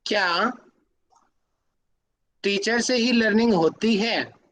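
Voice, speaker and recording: A man's voice: high-pitched, takes it slowly, fairly bright tone. A man teaching an online class, explaining with examples and putting questions to his students. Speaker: yoga academy teacher.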